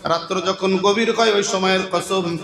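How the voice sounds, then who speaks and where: Impassioned high-voiced preacher. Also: male voice, steady tone, unhurried, reverberant. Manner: emotional storytelling, rising to impassioned shouts. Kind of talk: Bengali waz sermon.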